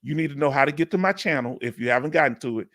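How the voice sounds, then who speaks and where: A man's voice: fairly high pitch, very fast, fairly bright tone. A middle-aged man with a Houston, Texas accent, hosting a casual live Q&A stream in a laid-back, chatty way and laughing often. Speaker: livestream host.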